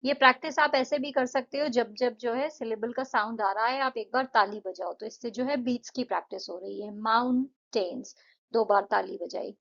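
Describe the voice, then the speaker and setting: A woman teacher with an Indian English accent, walking students through English exercises in Hindi and English, slowly stretching out words to show their syllables. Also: fairly high pitch, creaky, fairly bright tone, lo-fi sound.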